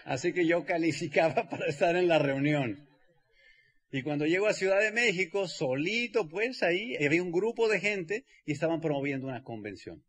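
High-voiced Mexican man telling a story. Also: normal speed, breathy edge. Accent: Mexican Spanish. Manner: animated, acts out quoted people with comic emphasis. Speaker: speaker. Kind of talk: storytelling talk to an audience.

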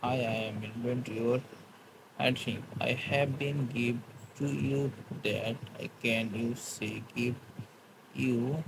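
A man speaks slowly and at an ordinary pitch, chatting with viewers on a live stream. His English is halting and broken, full of restarts as he answers comments. Clear background noise fills the room around him. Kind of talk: casual live-stream chat.

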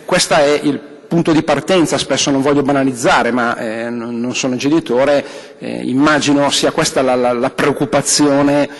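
A man in his thirties gives a thoughtful conference address into a desk microphone, pausing often and restarting his phrases. His voice sits at an ordinary pitch and carries a long reverb from the large hall. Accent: Italian. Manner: thoughtful, hesitant with many fillers and restarts. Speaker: diocesan communications director.

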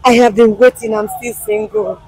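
A woman's voice: on the high side, flat delivery, moderate pace, darkish tone, breathy edge, no room sound, rough recording. An actress playing a jilted woman who paid for her lover to go abroad, pleading and wailing, in an outdoor skit drama. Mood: grieving. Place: outdoor compound.

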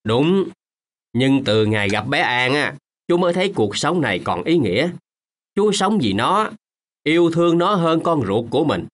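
An actor playing a kindly, remorseful old man in a radio drama, gentle at times and firmly scolding at others. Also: mid-range voice, lively intonation, normal speed, close to an everyday voice. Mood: stern. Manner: gentle, then firm and scolding.

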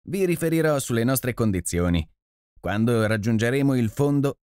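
A man voicing an impatient, excitable male professor who barks urgent orders in an audiobook reading. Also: medium pitch, no echo, studio quality, voice pushed up, lightly acted. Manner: urgent, commanding, barking orders. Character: impatient, excitable male professor leading a deep-sea dive.

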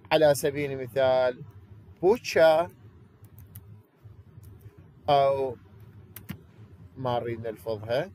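A man's voice: a little high, darkish tone, a little hiss or hum, low-quality recording. A man with an Iraqi Arabic accent teaching an online English class, asking questions and then answering them himself.

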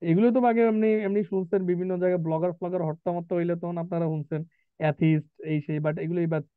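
A man with a high-sitting, clean voice and little pitch movement teaches an English vocabulary class, explaining words and quizzing his students. He asks questions and reads definitions slowly in a live lecture that mixes Bengali and English. The line sounds tinny, like a phone, with no echo.

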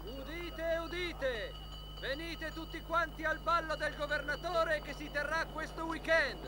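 An actor playing a loud town crier, proclaiming announcements in drawn-out calls in a dubbed film. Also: male voice, very high voice, music in the background.

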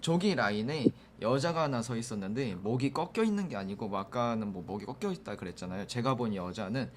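A man's voice: mid-range voice, expressive, fairly quick, background noise. A man working as a paranormal investigator, questioning and explaining casually in polite, hesitant phrasing.

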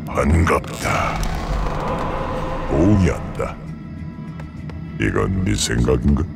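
Bottomless, gravelly undead king. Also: big pitch swings, full character voice. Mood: grim, menacing. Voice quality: deep, gravelly growl. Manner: slow, grim, imperious undead-king delivery. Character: menacing undead lord, cold and hungry for the hunt. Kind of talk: video game unit voice lines. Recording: loud music over game audio.

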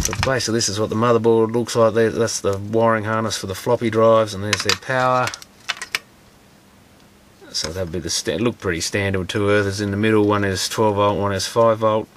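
Working at a bench in his workshop, a man who hosts repair videos takes apart a computer, speaking casually and fairly quickly. His fairly low voice holds a steady tone over background noise as he reasons out loud and offers tentative guesses.

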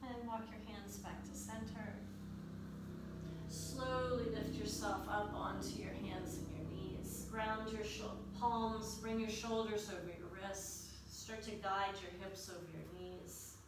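A woman leading a yoga class as the instructor, in a calm, unhurried, soothing guiding delivery. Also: mid-range voice. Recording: echoey room, distant mic, faint noise.

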